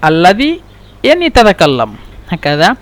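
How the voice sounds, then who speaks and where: A fairly high-pitched man teaches a language lesson at an unhurried pace. He repeats every example several times and often breaks off to restart his explanations. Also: wildly swooping pitch. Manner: repeats each phrase several times, slow and deliberate; halting, with many restarts and fillers. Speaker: Arabic teacher.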